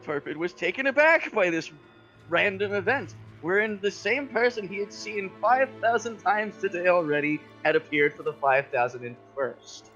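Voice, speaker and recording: Bright high-voiced man reading aloud. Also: normal speed, dull audio, soft background music. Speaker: stream host reading viewer fanfic. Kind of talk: casual chat and mock-dramatic reading.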